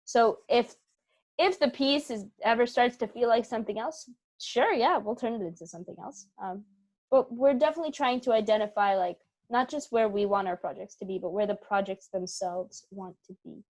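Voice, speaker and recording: An actress from a theater company answers interview questions earnestly, in a voice that sits on the high side and sounds a little mellow. She talks at a normal speed, conversational and thoughtful, repeating phrases and checking in with "right?"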